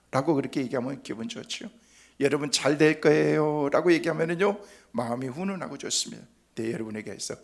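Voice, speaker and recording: A middle-aged man, a senior pastor, preaching a sermon in a folksy storytelling way, with jokes and sudden hushed tones. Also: high voice, vocal fry.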